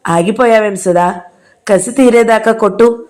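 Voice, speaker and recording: A woman voicing a calm, firm young woman who speaks steadily and pleads in an audio novel. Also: medium pitch, unhurried, close to an everyday voice. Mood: defiant.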